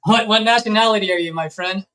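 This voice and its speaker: A man, a real estate investor, on a casual sales call with a seller, friendly and joking while he pushes for a lower price. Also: fast, a bit bright. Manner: friendly, pushy haggling, jokey.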